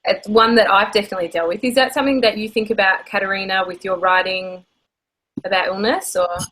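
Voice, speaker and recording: An Australian woman moderating a panel discussion, animated and easily worked up. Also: medium pitch. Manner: animated, quick to get worked up.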